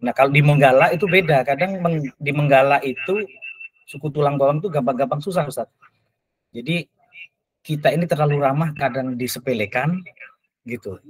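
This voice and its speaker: A man who is a teacher and podcast guest, telling stories in an animated, emphatic way. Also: moderate pace, long pauses, slightly rough, no room sound, rough recording. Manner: lively, emphatic, with big swings in pitch. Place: studio.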